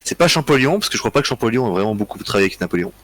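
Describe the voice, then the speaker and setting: A tired man hosting a live history quiz, reading out chat answers in a relaxed, joking way with frequent chuckles. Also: fairly low pitch, very fast, no room sound. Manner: relaxed, joking, chuckles often, thinks aloud. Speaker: quiz host.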